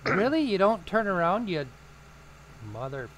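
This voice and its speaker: A man chats over a farming game stream, his pitch swinging widely as he exclaims and curses at the game. He teases his friends in quick, offhand remarks. Faint background noise sits under his voice. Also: very animated, a bit bright, poor audio. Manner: swears often, quick exclamations, teasing. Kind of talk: casual gaming chat.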